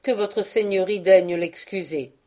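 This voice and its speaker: A woman's voice: mid-range voice, a little slow, mellow, lightly acted. A woman reading aloud and voicing a humble old male Chinese gardener, deferential and imploring in a storybook. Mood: pleading. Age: older. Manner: deferential, imploring, bursts out in anguish.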